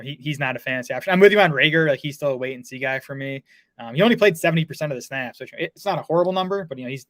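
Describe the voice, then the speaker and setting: A man's voice: mid-range voice, a bit bright, no room sound. A man talking fantasy football in a casual podcast chat, full of fillers and restarts. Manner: fast, lots of filler words and restarts.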